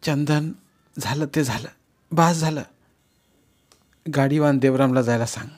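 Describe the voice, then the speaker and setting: A man voicing an anxious young woman who tries to calm a quarrel, pleading and placating, in a storybook reading. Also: medium pitch, measured pace, voice pushed up, close to an everyday voice.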